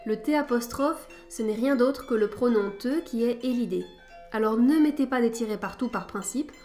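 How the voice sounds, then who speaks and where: A woman's voice: on the high side, moderate pace, a little mellow, faint music behind. A woman hosting a scripted podcast lesson, with a wry, playful teacher's tone. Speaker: podcast host.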